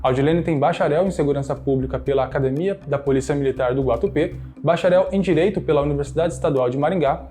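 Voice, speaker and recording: Brief: male radio news narrator, quick scripted read, slightly high voice, mellow tone, faint music underneath. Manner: brisk, read-out news delivery.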